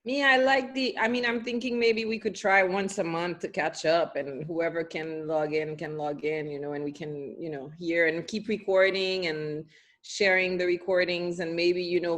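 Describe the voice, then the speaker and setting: A woman with a somewhat low voice chats casually over a video call. Her internet connection is bad, so her words come through choppy and break up. She talks hesitantly and fills pauses with "you know.". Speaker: alumni group member.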